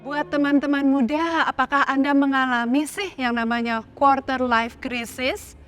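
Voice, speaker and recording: Animated, high-pitched nun giving a casual talk to young people. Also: female voice, moderate pace, soft background music. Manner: lively and animated, acts out little voices and examples.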